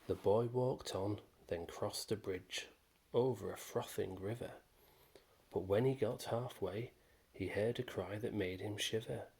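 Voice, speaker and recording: A man reading a rhyming children's picture book aloud in a slow, gentle, rhythmic way. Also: fairly low pitch, creaky, slightly rough. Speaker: storyteller.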